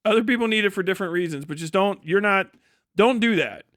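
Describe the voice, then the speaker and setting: A livestream host gives casual reaction commentary that's sarcastic, mocking and loaded with swearing, laughing often. He speaks quickly in a high, slightly bright voice with studio-quality sound and no room echo.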